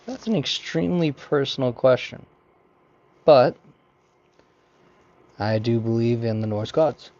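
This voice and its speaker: A man streams while wearing a costume helmet, mumbling rambling asides to his viewers. His voice sits at an ordinary middle pitch. The sound comes through muffled and lo-fi. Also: expressive, measured pace, pauses often, darkish tone. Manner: rambling, half-muttered asides. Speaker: livestreamer. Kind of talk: casual livestream chat. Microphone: talking from inside a costume helmet.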